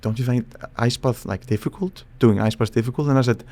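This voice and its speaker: A man from Iceland, a psychologist guest on a podcast, explaining in a thoughtful, halting way with frequent restarts. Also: mid-range voice, mellow. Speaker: psychologist and charisma expert guest. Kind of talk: casual podcast interview.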